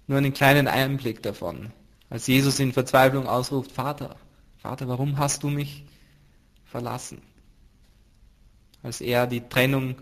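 Earnest man preaching a Bible study. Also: mid-range voice. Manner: emphatic, swinging between loud stresses and hushed drops. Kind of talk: sermon-style Bible teaching.

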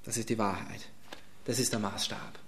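A German-speaking man preaching a sermon. He repeats phrases for emphasis and swings from loud declarations to hushed near-whispers. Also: lowish voice, level tone, moderate pace, slight background noise.

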